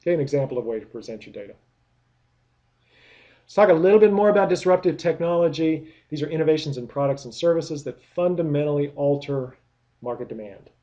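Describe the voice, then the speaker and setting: A man's voice: on the high side, lively intonation, a little fast, mellow. A man giving a recorded business lecture, explaining step by step with many rhetorical questions and frequent restarts. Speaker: product management lecturer.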